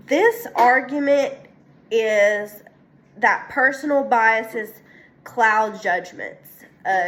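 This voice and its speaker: Young female student, congested, slightly high voice, unhurried, halting delivery with frequent fillers. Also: fairly bright tone. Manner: hesitant, many ums and restarts. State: congested from a sinus infection. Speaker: student presenting a weekly assignment. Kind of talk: casual spoken class presentation.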